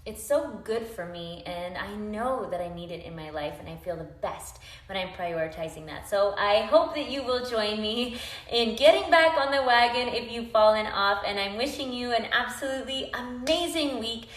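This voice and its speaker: A woman's voice: a little high, normal speed, a bit bright. A woman yoga instructor giving tips in a casual, upbeat, chatty vlog, encouraging her viewers. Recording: echoey room.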